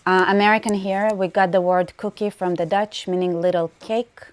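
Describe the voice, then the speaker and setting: A woman's voice: mid-range voice, steady tone, moderate pace. A woman with an Israeli accent hosting a casual livestream, chatting, laughing often and reading viewer comments aloud. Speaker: livestream host.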